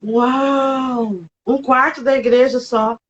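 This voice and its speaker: A woman's voice: high-pitched, lively intonation, moderate pace, a bit bright. A Brazilian woman hosting a casual interview, adding brief encouraging interjections. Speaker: interview host. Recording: slightly dull sound.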